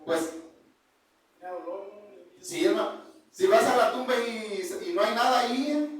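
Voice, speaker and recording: A man preaching an informal Bible sermon, constantly calling his listeners brothers and halting to restart his sentences. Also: extremely high pitch, fairly bright tone. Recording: echoey room, distant mic.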